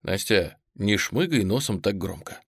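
Blunt young man, gruff and clipped, hushed delivery, performed by a man; dry, close audiobook booth. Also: fairly low pitch, animated, unhurried, no room sound, full character voice. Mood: bitter.

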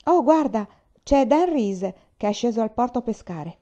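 A woman's voice: fairly high pitch, expressive, moderate pace, dark tone, dull audio, natural voice. Woman voicing a bold scornful girl. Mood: brisk.

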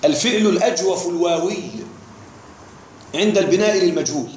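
A man with a high-pitched voice speaks fairly quickly as he lectures on Arabic grammar, repeatedly stopping to quiz his students. The classroom is echoey, with faint noise.

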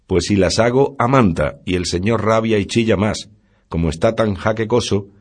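A man's voice: fairly low pitch, moderate pace, close to an everyday voice. A man reading aloud, voicing a cheeky young manservant who plays the joker.

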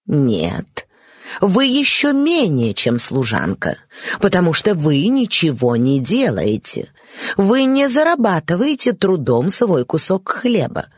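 A woman's voice: fairly low pitch, wildly swooping pitch, slow pace, slightly rough, no echo, clean studio sound, full character voice. A woman reading a story aloud, voicing a prim, stern servant woman who scolds a child. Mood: scornful.

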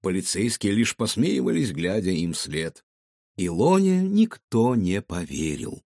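A man narrating a children's story aloud with lively, expressive storytelling. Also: fairly low pitch, unhurried, dry recording, studio quality.

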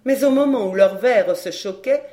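A woman reading a classic crime novel aloud in a measured, even storytelling voice. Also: fairly high pitch. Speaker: audiobook narrator. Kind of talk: scripted narration.

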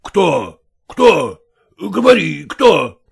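A man voicing an agitated, domineering father who demands and shouts, in an audiobook reading. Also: on the high side, expressive, unhurried, creaky, husky, full character voice. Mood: demanding. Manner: blustering, demanding.

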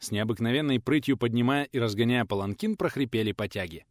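A man narrating an audiobook with expressive storytelling. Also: mid-range voice, fast, dry recording. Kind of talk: scripted narration.

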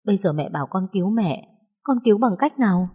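A woman voicing a hot-tempered young woman who speaks in sharp, indignant retorts. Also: medium pitch, animated, fast talker, slightly rough. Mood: upset.

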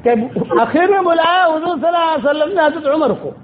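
A man giving a Friday sermon in a mosque, retelling stories with quoted dialogue and emphatic repetition. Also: very high-pitched. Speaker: preacher. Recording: tinny phone-like sermon recording with faint hiss.

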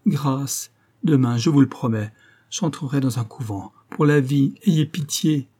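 A frail, desperate duchess, read by a man in a raised voice, begging for mercy. The tone stays husky and dark underneath. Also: medium pitch, measured pace, pitched above the performer's own voice, close to an everyday voice. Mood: pleading. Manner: pleading, beseeching. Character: weak, desperate noblewoman begging.

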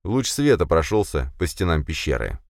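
A man narrating a first-person fantasy audiobook in an expressive reading. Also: sits low, normal speed, creaky, dry recording, clean studio sound.

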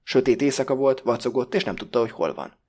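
A man with a husky voice reading a curt, mocking man who cuts others off. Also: medium pitch, lively intonation, a little mellow. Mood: sarcastic. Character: brusque, sarcastic bespectacled man interrogator.

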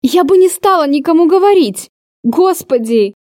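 A woman's voice: very high voice, animated, normal speed, mellow, no room sound, clean studio sound, pitched above the performer's own voice. A woman voicing a hurt young woman who pleads in a trembling, raised voice. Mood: pleading.

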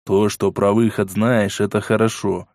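A man's voice: level tone, moderate pace, darkish tone, no echo, studio quality, natural voice. A man voicing the first-person hero of an audiobook, a wary armed man who speaks curtly and sardonically. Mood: gruff, wry. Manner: curt, low and sardonic. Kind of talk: audiobook character voice.

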